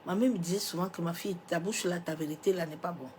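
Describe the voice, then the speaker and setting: Preaching a sermon while fighting a cold and coughing, this woman pastor has a lowish voice and a quick pace, with a faint hiss or hum on the recording. She moves between loud, emphatic declarations and soft, almost whispered asides, scattering small rhetorical interjections along the way.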